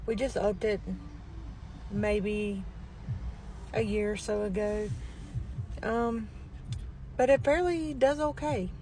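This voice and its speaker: A middle-aged woman chatting casually in a plain-spoken, folksy way, with a weak, barely audible voice that cannot get loud. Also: steady tone, slow, pauses often, a little hiss or hum, poor audio. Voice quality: weak, low-volume voice, barely projecting. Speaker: vlogger. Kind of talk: casual chat.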